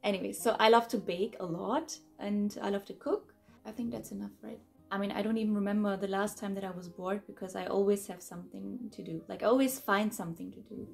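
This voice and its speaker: A young woman in her mid-twenties, raised in Germany, talks through fan questions in a casual, upbeat vlog, gesturing as she goes. Her voice sits at a middling pitch with a slightly gravelly, fried edge. She records in her bedroom, and faint music plays behind her. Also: steady tone, a little fast, a little mellow. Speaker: YouTuber answering fan questions. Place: bedroom, indoors.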